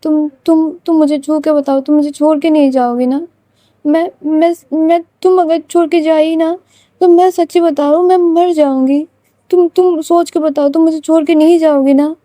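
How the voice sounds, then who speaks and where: A woman's voice: high voice, fairly even intonation, fairly quick, hardly any pauses, mellow, dry recording, studio quality. A woman voicing a distraught young woman who stammers and pleads tearfully with her lover not to leave her. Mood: pleading, desperate.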